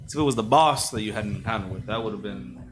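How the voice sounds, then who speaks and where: A man's voice: lowish voice, racing. A man running a tabletop game as game master, narrating casually with frequent fillers and restarts. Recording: noisy home recording.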